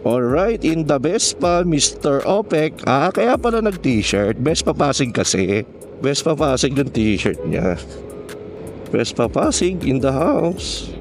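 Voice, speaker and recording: A Filipino man vlogs from his motorcycle in city traffic, chatting in a casual, joking, slangy way and mixing in English. His fairly high voice is very animated but slow-paced, with a little hiss or hum in the recording.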